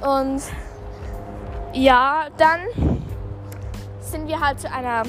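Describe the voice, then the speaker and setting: Young female podcast host, high-pitched, speaking while out jogging; informal, halting, self-correcting delivery over background music. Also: fairly even intonation, a bit bright. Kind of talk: casual spoken podcast monologue.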